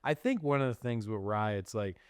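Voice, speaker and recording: A middle-aged man hosting a podcast, telling a personal story in a casual, animated way and laughing often. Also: lowish voice, a little fast, clear, resonant tone, dry recording, clean studio sound. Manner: animated, laughs often, acts out quoted voices. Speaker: podcast host.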